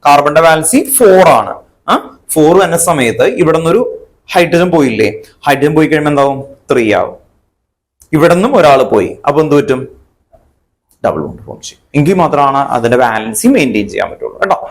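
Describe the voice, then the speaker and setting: A man teaching a chemistry lesson. He asks his students questions and then answers them himself, and he spells terms out slowly. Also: on the high side, lively intonation. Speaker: chemistry tutor. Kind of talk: online exam-prep lesson.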